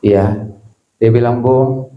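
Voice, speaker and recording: A male pastor preaching a sermon, telling a story and quoting other people, and sometimes rising to a shout. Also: mid-range voice, fairly even intonation, takes it slowly, lo-fi sound. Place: church. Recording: echoey church hall.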